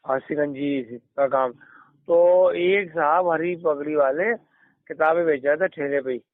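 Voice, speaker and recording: A middle-aged man on a phone call tells long anecdotes and acts out what others said. He often stops and restarts. His fairly high voice comes through a dry, tinny line. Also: measured pace, no echo. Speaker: caller. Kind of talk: casual phone conversation.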